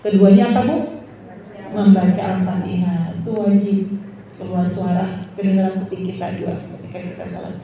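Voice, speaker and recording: A woman religious teacher, giving a lesson to women, asking questions and drawing out recited phrases slowly. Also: mid-range voice, steady tone, a little hiss or hum. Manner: drawn-out demonstrative recitation, asks the audience questions. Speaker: Islamic teacher. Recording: distant echoey hall, dull lo-fi sound.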